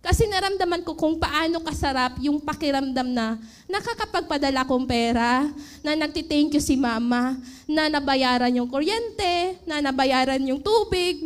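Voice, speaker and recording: A woman from the Philippines in her thirties, telling her story of working abroad and asking her audience questions. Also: high-pitched. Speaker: former overseas worker. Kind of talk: emotional personal testimony.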